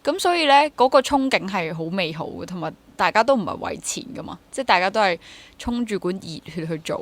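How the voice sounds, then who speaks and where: Speaking briskly in a mid-range voice with lively intonation, this Hong Kong woman in her twenties is an interview guest who works as a freelance actor and drama teacher. Her Cantonese-accented talk is casual and reflective, with rewordings along the way and English mixed in.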